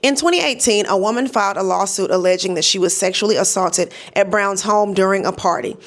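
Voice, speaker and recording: A woman's voice: medium pitch, a little fast. An American woman delivering opinionated exposé commentary straight to her audience, emphatic and colloquial, with sardonic asides and frequent check-in tags. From United States. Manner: emphatic and direct, often punctuating points with "okay?".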